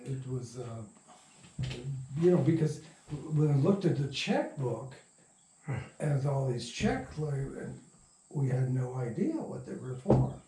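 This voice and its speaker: In a casual interview, an older man who writes and produces radio plays reminisces in a halting, rambling way, often interrupting himself. His mid-range voice is mellow with big pitch swings, recorded in a room in a house with roomy echo, distant from the mic.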